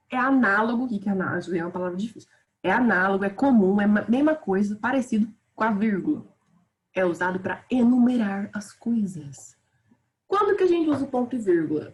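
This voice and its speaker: Chatty Brazilian woman teaching grammar. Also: a little high. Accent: Brazilian Portuguese. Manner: chatty, informal, talks to the students as "gente". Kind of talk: casual online grammar lesson.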